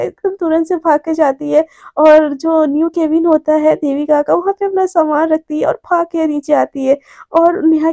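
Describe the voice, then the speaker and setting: A woman's voice: extremely high pitch, vocal fry, mellow, dry recording. A woman narrating a romance story in a chatty, colloquial way. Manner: chatty, colloquial, many fillers.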